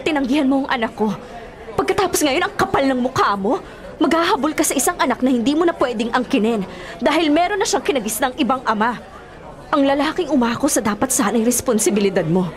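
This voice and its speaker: In Filipino radio drama acting, a woman plays a firm, reproachful young married mother rebuffing her ex, sounding indignant and resolute. Her voice is high-pitched, animated, and quick. A music bed and busy crowd noise sit behind her.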